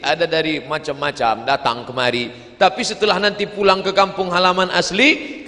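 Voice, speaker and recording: A middle-aged man preaching a humorous sermon with animated storytelling, breaking into sung verses. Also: fairly high pitch. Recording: long hall reverb.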